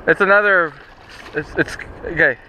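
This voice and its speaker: A young man filming his own fishing trip on a head-mounted camera, talking casually and excitably, with some swearing, on a riverbank. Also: on the high side, moderate pace, low-quality recording. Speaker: angler filming his catch. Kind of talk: casual outdoor chat. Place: riverbank and dock outdoors. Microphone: head-mounted action camera. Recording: action camera with loud wind and water noise.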